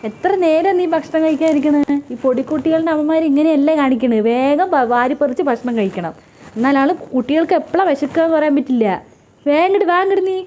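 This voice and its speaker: A high-pitched, theatrical mother-in-law played by a woman. She fusses, scolds and gushes in a broad comic-skit manner, with faint background noise. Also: fast talker, warm tone, lightly acted. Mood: fussing. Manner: dramatic, scolding and gushing by turns. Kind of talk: comedy sketch acting.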